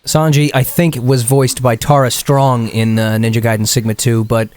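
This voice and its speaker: A man's voice: medium pitch, flat delivery, moderate pace, a little mellow, clean tone. A man giving casual, critical video game commentary in a blunt, exasperated, sweary way. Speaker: video game let's player. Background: video game music.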